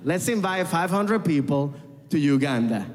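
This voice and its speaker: A man's voice: a little high, animated, normal speed, in a large hall, background noise. A man from Venezuela with a Venezuelan Spanish accent, doing a chatty, self-mocking stand-up set and talking with the crowd. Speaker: stand-up comedian. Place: comedy club stage.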